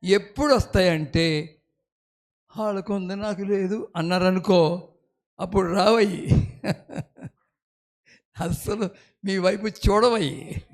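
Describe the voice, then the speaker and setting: A man preaching a sermon as pastor, leading the congregation in call-and-response and swinging between quiet storytelling and loud exclamations. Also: high voice, steady tone, slow, long pauses.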